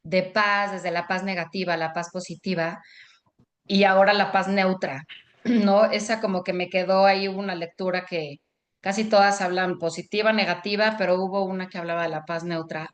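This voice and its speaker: A woman, a student asking a question in an online class on a video call. She hesitates, restarts often and fills pauses. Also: on the low side, steady tone. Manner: hesitant, many restarts and fillers.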